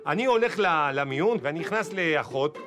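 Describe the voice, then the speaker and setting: A man in his forties telling comic personal stories in an animated way, acting out the dialogue. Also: a little high, over music. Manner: animated, exclaiming, acts out dialogue. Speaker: storyteller.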